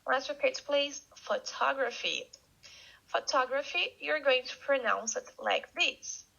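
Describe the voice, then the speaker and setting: Female English teacher, high bright voice with gravelly fry, patient slow drills, lo-fi sound. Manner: slow, repeats words for learners to echo. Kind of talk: online English vocabulary lesson. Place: Canada. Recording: dull lo-fi recording.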